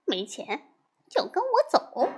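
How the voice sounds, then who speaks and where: A woman's voice: sits high, huge pitch swings, darkish tone, breathy edge, exaggerated voice. A woman voicing a mischievous male monkey king who teases his companion in a storybook tale. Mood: teasing. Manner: teasing, brisk.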